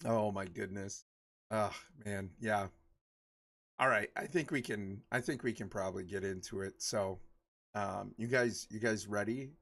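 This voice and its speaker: A man's voice: on the low side, unhurried, a bit bright. A man in his forties chatting casually with his livestream viewers, rambling and laughing often. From Michigan. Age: 40s. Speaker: livestream host.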